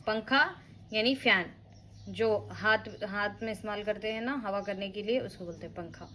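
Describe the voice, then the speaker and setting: A woman's voice: medium pitch, normal speed, pushed and bright, a little hiss or hum, poor audio. A woman teaching a beginner reading lesson, spelling words out letter by letter and repeating them patiently. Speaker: Urdu teacher.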